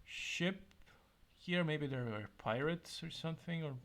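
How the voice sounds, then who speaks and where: A man's voice: fairly high pitch, lively intonation, measured pace, a bit bright. A man hosting a gameplay video, reading interactive fiction aloud and breaking off into casual, hesitant asides.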